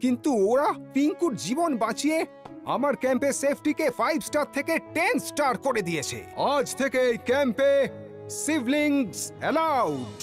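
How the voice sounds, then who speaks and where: A high-voiced, pompous camp commander from a kids' cartoon. He is a strict ex-cadet man who makes grand declarations and rhyming boasts, with music playing behind him. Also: sing-song, normal speed. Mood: proud, grand. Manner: pompous, declarative, catchphrase-driven. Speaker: camp leader. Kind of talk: children's cartoon acting.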